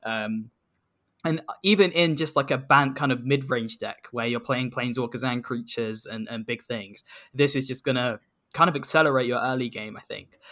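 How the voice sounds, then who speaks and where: A man's voice: mid-range voice, moderate pace, sharp tone. A man hosting a casual card-game podcast, chatty and laughing often. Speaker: podcast host. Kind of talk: casual chat.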